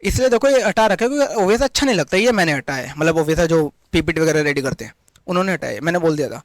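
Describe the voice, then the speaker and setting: A man teaching an exam-prep maths lesson, working quickly through sums step by step and speaking straight to his students. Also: on the high side, expressive, dry recording.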